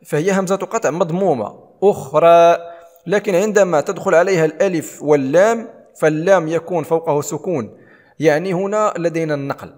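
Male tajweed teacher, somewhat high voice, explains then recites slowly, roomy reverb.

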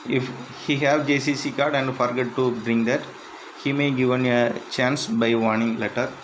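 A man reading interview questions and answers aloud in a plain, measured way, with slightly halting phrasing. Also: mid-range voice, fairly even intonation, a little hiss or hum, poor audio. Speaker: instructor.

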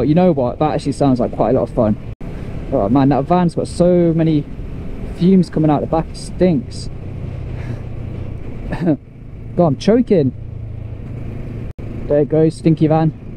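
A man's voice: on the high side, dark tone, rough recording. Chatty man vlogging from a motorbike. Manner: chatty, rambling, explains step by step. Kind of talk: casual chat to camera while riding. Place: outdoors on a motorcycle by the road. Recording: faint road and traffic noise.

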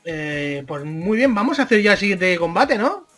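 A man with a Spain Spanish accent doing excitable let's-play commentary, yelling and swearing at the game. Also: high voice, normal speed, faint music behind. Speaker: gamer.

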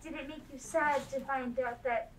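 A young woman acting a gentle, patient adult who asks careful questions. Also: high-pitched, steady tone, normal speed, close to an everyday voice. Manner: soft, questioning. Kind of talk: stage play acting. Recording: quiet, distant stage mic.

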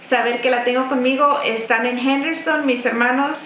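A woman from the Texas–Mexico border with a high, bright voice answers interview questions as a business owner guest. Seated at her desk in a roomy office with faint noise, she speaks at normal speed in a steady tone, chatty and warm, laughing often.

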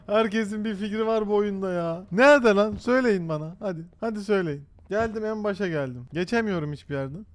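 A man streaming a horror game live, loudly exasperated and bantering with his chat. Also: high-pitched, fast, hardly any pauses. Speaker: gaming streamer. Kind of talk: live gameplay commentary.

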